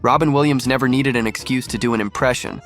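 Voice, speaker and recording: A man reads a scripted comedy compilation in an even, upbeat storytelling tone. His voice sits at a middling pitch, and a faint music bed plays under it. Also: quick pace. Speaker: narrator. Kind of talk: scripted narration.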